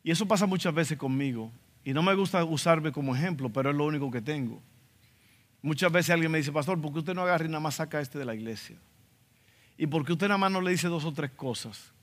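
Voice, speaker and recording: A fast-talking man with a fairly high pitch preaches a sermon in a church sanctuary. He is a Dominican pastor from the Dominican Republic whose accent shows, and he speaks emphatically, acting out quotes in asides. Reverb from the church hall fills the recording.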